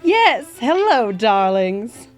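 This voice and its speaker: A woman's voice: a little high, big pitch swings, drawn-out words, faint music behind, full character voice. A woman playing a gracious historical nurse who tells her life story in a genteel way, calling her listener "my dear". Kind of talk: scripted educational acting.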